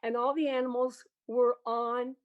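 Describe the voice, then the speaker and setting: This older Canadian-accented woman, a music educator and organist appearing as a guest, hails from Prince Edward Island. Her fairly high voice stays level in tone and moves a little slowly, and the audio is dull. She reminisces in a casual, animated way, drifting into trailing asides.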